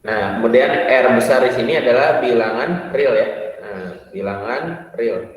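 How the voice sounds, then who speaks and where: A man's voice: mid-range voice, moderate pace. A man teaching a math class, explaining step by step with many fillers and checking whether his students follow. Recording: echoey hall, far from the mic.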